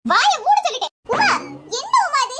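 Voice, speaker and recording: A woman's voice: very high voice, big pitch swings, moderate pace, over music. A woman voicing a scolding old village mother-in-law in a cartoon. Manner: sharp, scolding, then softening. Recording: loud background noise.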